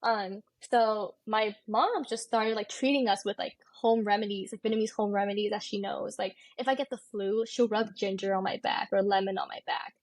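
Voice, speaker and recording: A California medical student in her twenties, with an American accent, is a guest in a casual podcast interview, speaking informally and candidly and sprinkling in "like" often. Her medium-pitched voice is steady and moderately paced with hardly any pauses, in a dry recording.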